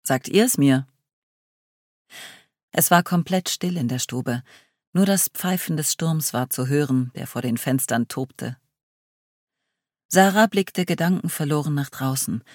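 A narrator reading a first-person story in a measured, expressive way. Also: mid-range voice, dry recording, clean studio sound.

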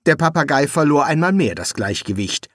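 Lively, expressive male audiobook narrator. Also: on the high side, fairly quick, no echo, studio quality. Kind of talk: scripted narration.

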